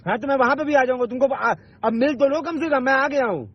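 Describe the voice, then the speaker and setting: Talking fast with a breathy edge and an extremely high pitch, a man who creates online videos is caught in a heated phone argument. He's insistent and confrontational, swearing and repeating himself, and the recorded call has a dull, lo-fi sound.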